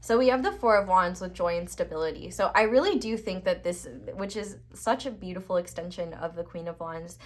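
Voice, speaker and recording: A woman's voice: lowish voice, brisk, few pauses. Chatty woman giving a tarot reading. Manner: chatty, many "like" and "I feel like" fillers. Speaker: tarot reader. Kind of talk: casual tarot reading monologue.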